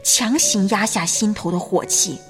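A woman narrating a scripted story in a gentle, measured manner. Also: medium pitch. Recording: reverberant hall with faint music. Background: faint background music.

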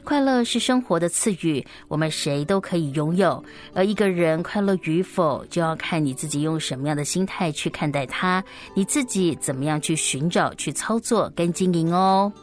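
A woman hosting a children's story programme, speaking in animated, simple, explanatory phrases as if reading to small children, with soft particles ending many sentences. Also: lowish voice, normal speed, hardly any pauses, faint music behind.

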